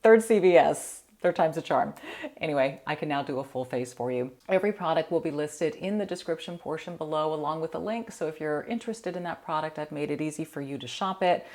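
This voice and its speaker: A woman's voice: sits low, fast talker, few pauses, a little mellow. A middle-aged woman, chatting through a makeup tutorial in a sleepy morning voice, friendly and self-deprecating. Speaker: beauty vlogger.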